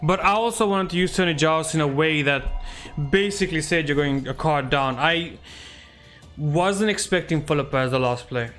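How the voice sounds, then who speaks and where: A man streams his card game and chats his way through each move. His voice sits a little high for a man, and he reasons aloud in a loose, excitable way. Soft game music runs quietly behind him. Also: normal speed. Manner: chatty, thinks aloud, excitable. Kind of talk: casual gameplay commentary.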